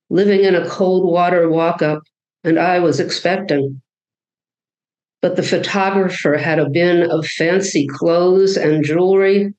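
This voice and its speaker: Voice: mid-range voice, darkish tone, reverberant, close to an everyday voice, rough recording. A poet voicing a blunt German great-grandmother. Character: stern immigrant great-grandmother, woman, old.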